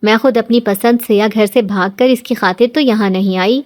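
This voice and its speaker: Narrator playing a young bride who talks back, blunt, fiery. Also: female voice, fairly high pitch, darkish tone, natural voice. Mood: defiant. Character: bold defiant young bride.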